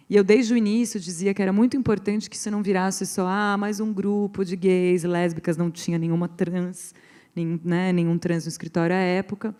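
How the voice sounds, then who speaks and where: A woman's voice: fairly low pitch, mellow. A woman lawyer with a Brazilian accent speaking on a panel, earnest and rambling, with many restarts and fillers. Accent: Brazilian Portuguese. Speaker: pro bono lawyer on a panel. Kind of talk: panel talk to a live audience.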